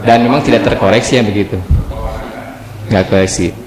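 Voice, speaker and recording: A man teaching Quran recitation rules in a mosque class, explaining patiently and chanting example verses slowly. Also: lowish voice, fairly even intonation. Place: mosque hall. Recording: echoey hall, crowd behind.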